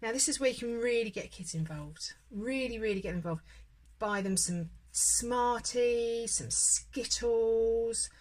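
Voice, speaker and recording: A woman's voice: a little high, measured pace. A woman presenting a casual home baking tutorial, chatting and encouraging as she works through each step. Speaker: home baker demonstrating a recipe.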